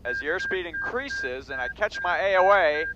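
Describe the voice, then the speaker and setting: A man's voice: sits high, wildly swooping pitch, moderate pace. Man, pilot's technical commentary, matter-of-fact, clipped procedural callouts, muffled cockpit audio, heavy aircraft noise. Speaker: pilot demonstrating flight maneuvers. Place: small airplane cockpit in flight. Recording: dull audio, loud aircraft cabin noise. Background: engine and cabin drone.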